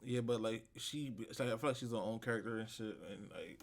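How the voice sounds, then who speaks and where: A man's voice: on the low side, brisk, creaky. A man co-hosting a podcast, talking casually in slang with frequent swearing. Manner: slangy, peppered with swearing and "bro". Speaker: podcast co-host.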